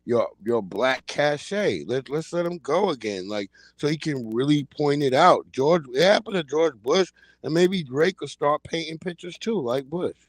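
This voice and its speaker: A man in his forties hosting a casual commentary livestream uses a streaming mic to rant bluntly, in slang, about the news of the day. He speaks at a fairly high pitch, expressively, at a moderate pace with hardly any pauses, in a dry recording.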